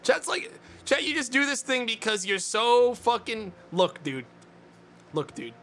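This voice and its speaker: A man's voice: very high-pitched, very animated, measured pace, bright, forceful tone, slight background noise. A man in his twenties, a streamer chatting casually with his viewers in a mock-indignant, ranting way, swearing often. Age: 20s. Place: small dim room indoors.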